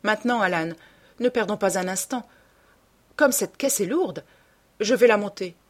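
A woman reading an audiobook voices a charming, cold young gentleman who gives orders quickly and lightly. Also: medium pitch, lightly acted. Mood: commanding. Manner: brisk, commanding, lightly airy.

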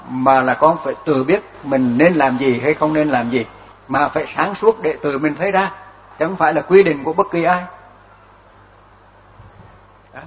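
An older Buddhist monk giving a relaxed dharma talk, telling stories with chuckles and repeating his words as he goes. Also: on the high side. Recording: dull lo-fi recording.

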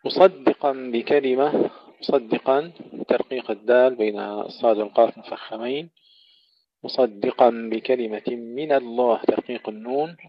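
A man teaching Quran recitation in a tajweed lesson, moving between slow melodic recitation of verses and brisk explanations of pronunciation rules. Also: medium pitch, steady tone, dry recording, muffled recording.

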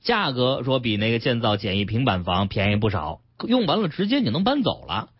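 Male radio host, animated and teasing, slightly husky. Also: mid-range voice, fairly quick, no room sound, lo-fi sound. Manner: chatty, teasing banter. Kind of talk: casual radio chat. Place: radio studio. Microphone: studio mic.

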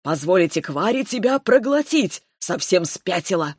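A hot-tempered male dragon growls and scolds in a fantasy audiobook, read by a woman. The voice sits fairly low and sounds dry and close. His manner is gruff and protective. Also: sing-song, moderate pace, no room sound. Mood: angry scolding.

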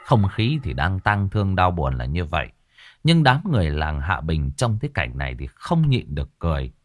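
A man narrating a ghost story in a folksy, animated storytelling manner. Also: sits low, normal speed, no echo, clean studio sound.

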